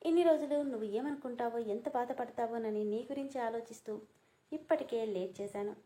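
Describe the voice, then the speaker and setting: A woman's voice: fairly high pitch, mellow. A woman reading a story aloud, voicing the dialogue herself. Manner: reads all the dialogue in her own voice.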